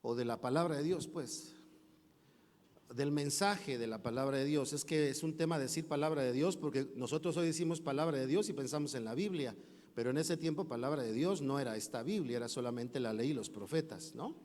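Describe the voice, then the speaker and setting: Man, pastor, sermon, fairly high voice, long church reverb. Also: a little fast, a little mellow. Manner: storytelling with acted quotes, conversational asides to congregation. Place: church sanctuary.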